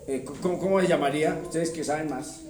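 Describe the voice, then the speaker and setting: A man's voice: fairly high pitch, quick pace. A man, a pastor teaching a Bible seminar to his congregation in a chatty, teasing way. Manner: chatty, teasing, addresses listeners as "mis amores". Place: church hall with audience. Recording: echoey hall, mic from far off, crowd.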